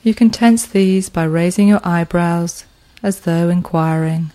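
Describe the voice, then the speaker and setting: A woman guides a progressive muscle relaxation session. Her voice sits low and mellow, and she speaks very slowly and soothingly, letting long pauses fall between phrases.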